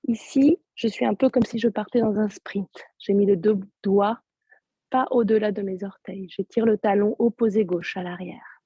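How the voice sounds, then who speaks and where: A woman yoga teacher with a sore throat, giving calm, soft-spoken step-by-step cues over a video call. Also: mid-range voice, normal speed, husky, dry recording, highs cut off. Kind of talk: guided yoga class instruction.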